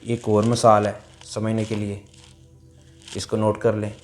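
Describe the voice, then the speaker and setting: A man teaching a language lesson, explaining pronunciation rules patiently, repeating each point and sounding out syllables slowly. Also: fairly low pitch, monotone, soft background music.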